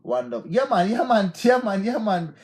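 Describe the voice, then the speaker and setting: A man's voice: high-pitched, sing-song, moderate pace, a little mellow. A man in his forties with a Jamaican accent who hosts an unscripted live stream and gives motivational talk in a loose, repetitive way, often saying "yeah, man". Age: 40s.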